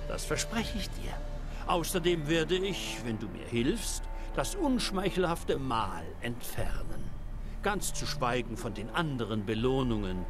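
A mysterious game bargainer who persuades in a measured, insinuating way. His delivery is slow and sweeps in pitch, with music behind. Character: mysterious, persuasive male bargainer promising rewards. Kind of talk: video game acting. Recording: music underneath.

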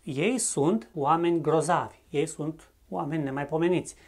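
A teacher from Romania giving a scripted grammar lesson, explaining clearly and methodically and repeating each English example slowly with its translation. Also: mid-range voice.

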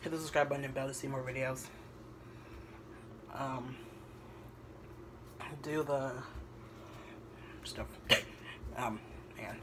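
A young man talking casually in a home kitchen vlog, rambling with many pauses and ums. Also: medium pitch, fairly even intonation, background noise. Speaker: vlogger. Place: home kitchen at night, indoors. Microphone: camera on the counter.

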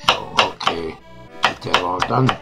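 A man's voice: low voice, a little slow, poor audio. An older man chatting folksily as he cooks in a home kitchen, with a frying pan sizzling and music playing behind him. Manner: folksy, chatty, with occasional pirate jokes. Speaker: home cooking host. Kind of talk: casual cooking demonstration in pirate costume.

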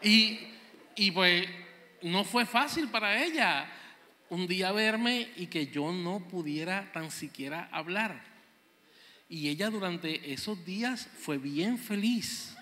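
A male stand-up comedian, telling stories in an animated, self-mocking way. His voice sits very high and sounds piercingly bright, and it rings out with a long hall reverb over faint background ambience. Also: slow.

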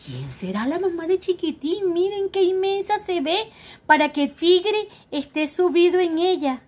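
A woman storyteller reading a children's picture book, her high voice rising and falling with plenty of expression. She takes her time, pausing to ask the little listeners questions. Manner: lively, asks the young listeners questions.

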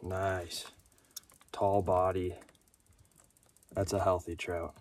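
A man's voice: low-pitched, level tone, very slow. A young man in his twenties talking casually and cheerfully to camera while fishing from a canoe on a lake, laughing often and exclaiming when fish bite. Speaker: angler vlogger. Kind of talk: casual outdoor vlog narration. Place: canoe on an open lake outdoors.

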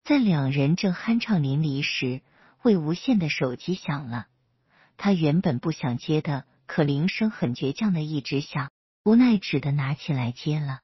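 Husky low-voiced woman storyteller. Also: expressive, normal speed, no room sound, muffled recording. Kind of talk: reading romance fan fiction aloud.

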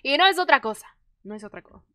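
A gaming YouTuber with a high, fast voice gives casual let's-play commentary on a life-simulation game, recorded with studio quality and no room sound. She's animated and dramatic, breaking into jokey, playful outbursts.

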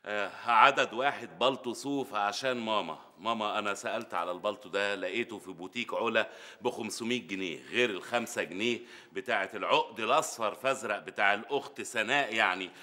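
In a sitcom, the lead actor plays a harried middle-aged father who is sarcastic and exasperated, his rants climbing to shouts. His voice runs on the low side and he talks at a quick pace.

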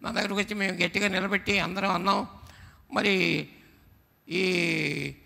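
Speaking very fast in a flat, high-pitched voice with vocal fry and a sharp tone, a male pastor preaches in a church sanctuary, calling on the congregation to respond. The church hall gives the recording a long reverb.

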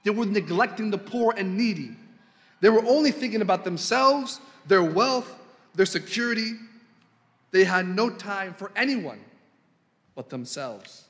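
Guy preaching in church, fairly high voice, super animated, big echoey hall. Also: unhurried. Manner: animated, emphatic, rising sharply on quoted lines. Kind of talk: sermon.

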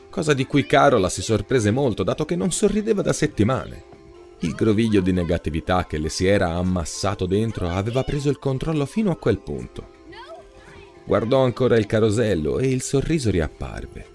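A man narrating a short story in a scripted, expressive storytelling manner. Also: lowish voice, vocal fry. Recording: soft background music.

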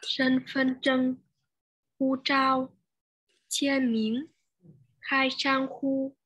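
A woman student reading a Chinese vocabulary list aloud in a slow, halting way. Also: sits high, little pitch movement, fairly bright tone, breathy edge. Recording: muffled lo-fi line.

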